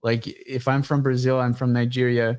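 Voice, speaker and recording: A man talking as a guest on a casual livestream show, pitching his startup in a blunt, profane, energetic way. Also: normal speed, clear, resonant tone.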